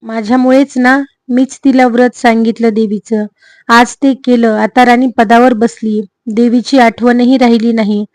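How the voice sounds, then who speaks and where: A proud old beggar woman, secretly a goddess, scolds a faithless queen in a slow, indignant voice, as a woman narrator puts her on. The voice sits fairly high and sounds dry and close. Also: little pitch movement, darkish tone, dry recording, lightly acted. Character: elderly goddess disguised as a poor old woman, proud and wrathful.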